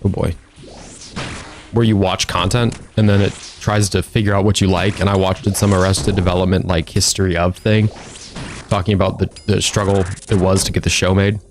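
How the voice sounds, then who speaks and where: A man's voice: low-pitched, little pitch movement, normal speed, slight background noise. A man streaming a video game, chatting casually and joking as he plays. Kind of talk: casual gameplay commentary.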